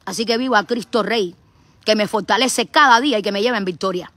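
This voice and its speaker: Fiery Cuban woman, bright sharp voice. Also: medium pitch, brisk, no echo. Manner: fiery, repetitive, preacher-like. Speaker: activist streamer. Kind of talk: impassioned live stream. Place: on vacation, live stream.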